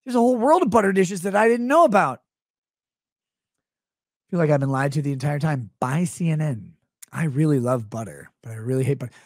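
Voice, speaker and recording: A streamer in his thirties rants sarcastically for comedy on a live stream, rambling and switching between voices. His voice is fairly high, expressive and a little mellow, his pace a little fast with frequent pauses. He's on a close stand-mounted studio mic in a small home studio, and there's no room sound.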